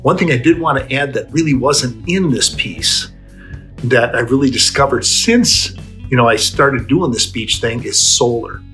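A man's voice: medium pitch, expressive, measured pace, bright, forceful tone, soft background music. Older man chatting to a webcam. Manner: conversational, restarts and clears his throat. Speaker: fishing show host. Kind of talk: casual to-camera introduction. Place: indoors in a small room.

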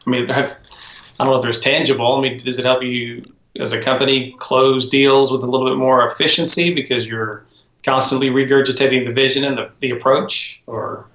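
A man's voice: medium pitch, flat delivery, a little fast, fairly bright tone. A man asking long, winding interview questions in a casual way, often restarting mid-sentence. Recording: roomy echoey room.

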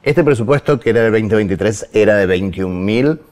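A man with a Rioplatense Spanish accent speaks as an interview guest, his voice sitting very low. He lays out numbers earnestly, with plenty of fillers and self-corrections along the way. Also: animated, normal speed, a little mellow. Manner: explains with figures, frequent fillers and self-corrections. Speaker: guest, program director of a foundation.

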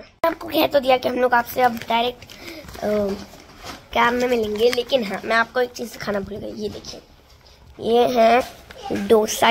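A teenage girl chatters excitedly to her phone camera, her voice high with a gravelly edge. She talks through a noisy phone recording, at home and later from a car's window seat. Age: teens. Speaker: vlogger, elder daughter. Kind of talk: casual vlog chat. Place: at home, then in a moving car.

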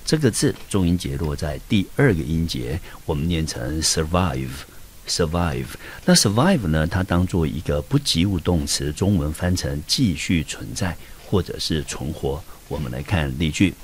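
A man's voice: rumbling low, sing-song, normal speed, hardly any pauses, slight background noise. A male English teacher with a Taiwanese Mandarin accent, patiently walking through vocabulary and example sentences step by step. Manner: patient, step-by-step explanation with frequent "好" and rhetorical questions. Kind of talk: vocabulary lesson explaining words and example sentences.

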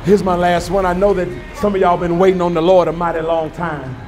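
High-voiced preacher man, shouting and hushing. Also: flat delivery, brisk, over music, crowd noise. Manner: call-and-response preaching, swings between shouts and hushed lines. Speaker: pastor. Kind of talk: sermon. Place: church sanctuary.

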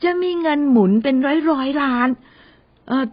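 A woman's voice: high voice, moderate pace, dull audio, close to an everyday voice. Name: Amy. A woman voicing a sarcastic, nasal young secretary. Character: sharp-tongued young female secretary. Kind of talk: audio novel character voice.

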